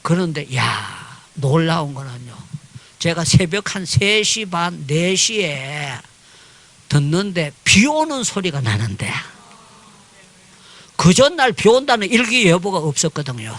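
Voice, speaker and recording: A man's voice: a little high, unhurried. An older man, a pastor and missionary, telling a testimony in a sermon on prayer and acting out the voices of people in his story. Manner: animated storytelling, crying out in prayer, acting out dialogue.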